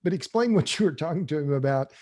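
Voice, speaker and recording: A man's voice: on the high side, lively intonation, quick pace, warm tone. A man hosting a podcast interview, stumbling over and repeating his words as he cuts in. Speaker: podcast host.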